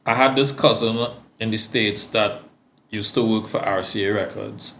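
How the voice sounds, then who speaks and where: A man's voice: on the low side, normal speed, fairly bright tone, a little hiss or hum. A Trinidadian man, a guest singer-songwriter, talking casually on a podcast and telling stories with frequent stammered restarts.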